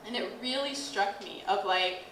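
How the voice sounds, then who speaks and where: This workshop speaker, an American woman in her late thirties, chats casually to an audience in a reverberant hall, laughing a lot and saying "like" constantly. She talks at a moderate pace in a fairly bright, mid-range voice, with slight noise in the background.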